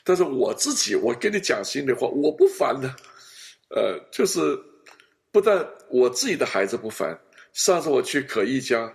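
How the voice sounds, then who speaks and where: A man's voice: mid-range voice, moderate pace, creaky. A male pastor in a counseling chat, telling family stories and acting out the scenes as he goes. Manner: animated storyteller, acts out family scenes.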